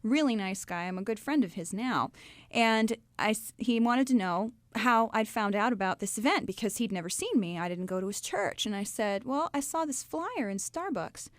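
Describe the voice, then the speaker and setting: A young woman from Ohio telling her faith story to a live audience in a lively, chatty way. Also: medium pitch, normal speed, no echo. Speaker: speaker telling her testimony.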